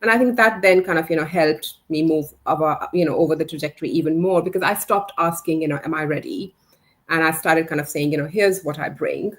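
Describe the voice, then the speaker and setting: Here a communications leader in her forties, whose first language isn't English, shares her career story during a live chat interview. She has a low voice and a brisk delivery, peppered with fillers and restarts.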